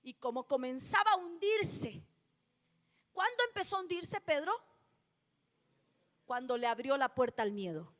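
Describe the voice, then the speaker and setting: High-voiced woman preaching. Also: big pitch swings, a little slow, long pauses, a bit bright. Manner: emphatic, repeats key phrases, asks the congregation questions. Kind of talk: sermon. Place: church hall. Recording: long church-hall reverb.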